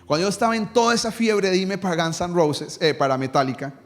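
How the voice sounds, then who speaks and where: A man preaching a sermon as a pastor, asking the congregation rhetorical questions and dropping low and soft when he quotes a prayer. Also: fairly even intonation, quick pace. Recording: long reverb in a church hall.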